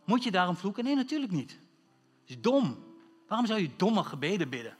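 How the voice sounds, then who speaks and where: Male pastor, high voice, emphatic sermon delivery, reverberant hall with faint music underneath. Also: very animated, husky. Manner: emphatic preaching with rhetorical questions, slowing for stress.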